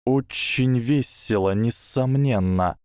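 Wary young wizard, read by a male narrator: flat hissing delivery, slow and careful. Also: mid-range voice, clear, resonant tone, no echo, clean studio sound, pitched above the performer's own voice, lightly acted. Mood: guarded.

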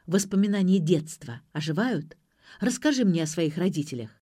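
A man's voice: sits high, lively intonation, normal speed, dark tone. A woman reading aloud voices a young man who tenderly and persuasively coaxes his girlfriend. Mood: coaxing. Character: smooth-talking young man coaxing a girlfriend.

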